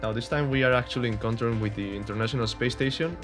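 Over music, a young Spanish man with a Spanish accent talks through gameplay in a mid-range voice at a quick pace. This gaming YouTuber sounds casual and hesitant, full of fillers and restarts.

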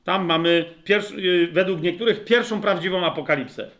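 Male Bible teacher, high voice, talks straight to the group, checks they follow, slows down on scripture. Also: a bit bright. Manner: addresses listeners directly, asks checking questions; reads scripture aloud, slows down for emphasis. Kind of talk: Bible study lecture.

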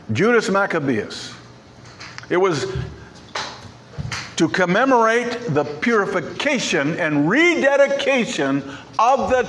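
Pastor guy preaching in church, kinda high voice, repeats words for punch, bit of hiss. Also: fairly bright tone. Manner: emphatic, repeats key words. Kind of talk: sermon. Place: church sanctuary.

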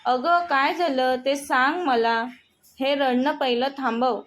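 A woman's voice: high voice, steady tone, a bit bright, a little hiss or hum. A woman voicing a young sister-in-law who scolds firmly but with care. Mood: scolding. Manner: scolding, brisk and firm.

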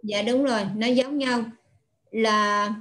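A woman teaches as a Buddhist nun. She explains each sound patiently, pausing often and filling the gaps with soft hesitation sounds. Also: fairly high pitch, fairly even intonation. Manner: patient, slow explaining with frequent filler sounds. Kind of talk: online pronunciation lesson.

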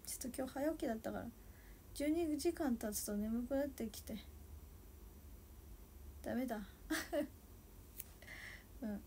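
A woman in her twenties chatting casually on a solo livestream, soft and a little sleepy, sometimes dropping to a murmur. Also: high voice, takes it slowly, long pauses, slight background noise. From Japan. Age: 20s. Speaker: idol livestreamer.

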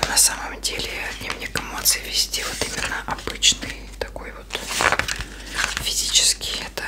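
Whispering woman, casual ASMR. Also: normal speed. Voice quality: soft unvoiced whisper. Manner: informal, loose, thinking aloud. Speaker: ASMR video creator. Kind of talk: ASMR, casual rambling show-and-tell.

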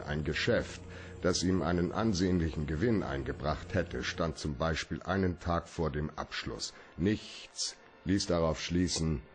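Man acting Sam Spade, low-voiced hard-boiled detective. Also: close to an everyday voice. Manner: laconic, deadpan. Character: cool, hard-boiled male private detective, cynical and shrewd. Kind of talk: German radio play acting.

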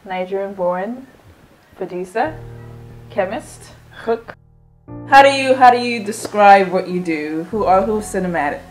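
A woman's voice: mid-range voice, a little slow, soft background music. A young woman hosting an interview show, introducing her guest and asking short questions. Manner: brief prompts and affirmations. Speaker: host.

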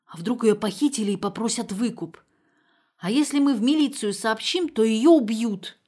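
A woman's voice: on the high side, lively intonation, moderate pace. Woman playing a theatrical panicky retired mother. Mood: dramatic. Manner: exclamatory, theatrical and rising.

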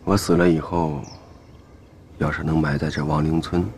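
An actor playing a weary soldier in a war drama, speaking in a deep, calm voice. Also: male voice, normal speed, a little hiss or hum. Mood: wistful.

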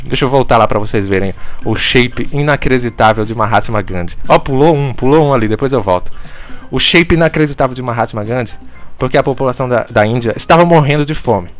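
Deadpan man giving a mock lecture. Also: mid-range voice, brisk, soft background music. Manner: deadpan, swears casually, mock-serious lecturing. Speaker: mock teacher. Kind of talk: parody online lecture.

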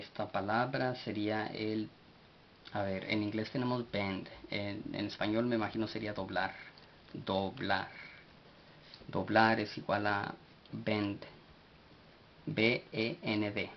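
A man teaches vocabulary in a slow, measured way, spelling each word out letter by letter and stopping often to search for the next one. His voice sits fairly low. The recording is dull and lo-fi, with a faint hiss underneath. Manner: spells words letter by letter, halting with fillers. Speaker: language teacher. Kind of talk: slow spoken vocabulary lesson.

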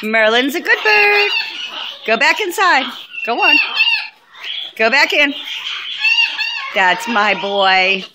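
A woman's voice: high voice, expressive, slow pace, pauses often. A woman cooing in doting, sing-song baby talk to her pet bird. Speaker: pet owner. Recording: loud background noise.

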